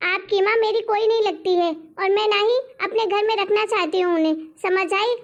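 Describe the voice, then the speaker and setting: A woman voicing a defiant young wife who scolds her husband loudly and rudely, scorning her mother-in-law, in a cartoon story. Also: very high-pitched, normal speed, highs cut off. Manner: loud, scolding, rude. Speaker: daughter-in-law.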